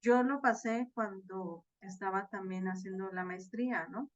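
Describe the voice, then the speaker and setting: An online course tutor with a mid-range voice teaches a virtual class over a video call, unhurriedly explaining step by step. She uses frequent fillers and tag questions. The video-call audio is dry and slightly dull.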